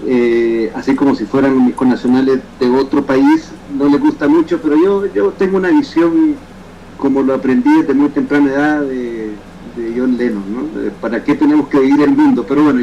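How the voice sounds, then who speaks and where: A man's voice: medium pitch, fairly even intonation, a little hiss or hum. Reflective Salvadoran man on a muffled call. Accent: Salvadoran Spanish. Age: 50s. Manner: reflective, halting, frequent restarts. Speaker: guest, photographer and poet. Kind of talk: remote interview conversation.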